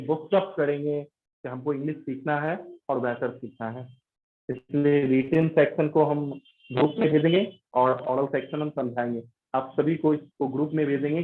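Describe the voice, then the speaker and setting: Man teaching English, tinny phone-like sound. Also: a little high. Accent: Indian English. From India. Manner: repeats example words slowly, explaining pronunciation. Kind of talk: classroom lecture mixing Hindi and English.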